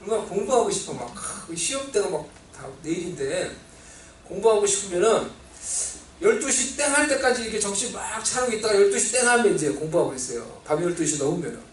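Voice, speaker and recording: A man preaching a sermon as pastor, telling a childhood story in an animated way and acting out the voices he quotes, with a Seoul Korean accent. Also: sits high, quick pace, a little hiss or hum. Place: church sanctuary. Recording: roomy, distant church recording with faint ambience.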